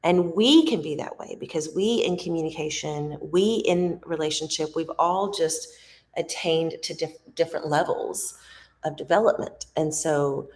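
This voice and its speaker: A woman's voice: sits low, moderate pace, darkish tone. A mom vlogging casually from a resort, talking in a rambling, heartfelt way and searching for her words. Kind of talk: casual reflective vlog talk. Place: at a resort on vacation.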